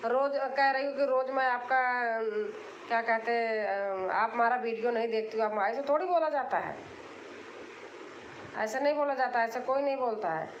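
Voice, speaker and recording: A woman from Allahabad, India hosts a casual live stream, answering comments insistently and repetitively as she explains herself. Her voice is high and moderately paced, and the reverberant, lo-fi audio carries slight background noise.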